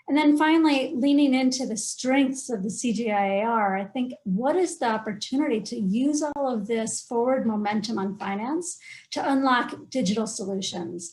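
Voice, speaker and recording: A woman speaking as a panelist on a video call, fluent and well organized, stressing her key points. Her voice sits slightly high. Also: a little mellow, low-quality recording. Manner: fluent, structured, emphatic.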